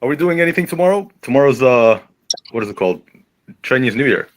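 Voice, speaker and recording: Mid-pitched man chatting casually. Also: animated, fast talker, low-quality recording. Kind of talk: casual chat.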